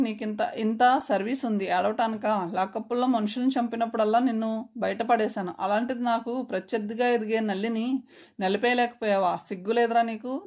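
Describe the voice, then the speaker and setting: Woman reads a ruthless older male gang boss, storybook villain, barking orders, fairly high voice. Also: darkish tone, natural voice. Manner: barking orders, English words mixed in. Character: menacing middle-aged male crime boss, ruthless and cruel.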